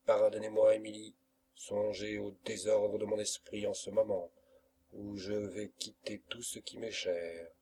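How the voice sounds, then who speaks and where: A man's voice: lowish voice, flat delivery, unhurried, mellow, slight background noise, close to an everyday voice. A man voicing an anguished young lover who pleads earnestly, in an audiobook. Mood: pleading.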